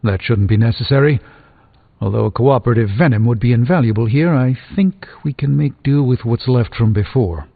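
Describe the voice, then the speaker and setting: An actor playing an erudite, wry sorcerer doctor in a video game, articulate and formal with a slightly pompous, dry wit. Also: male voice, medium pitch, a little fast, gravelly. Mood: measured, confiding. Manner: articulate, formal, dryly witty. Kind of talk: scripted video game character dialogue. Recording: tinny band-limited game audio over music.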